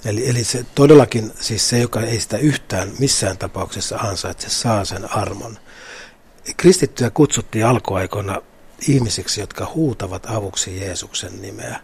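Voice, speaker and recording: A man's voice: lowish voice, creaky, a little mellow, husky. A middle-aged man, a guest, talking earnestly and thoughtfully about faith with some restarts. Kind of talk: reflective faith talk.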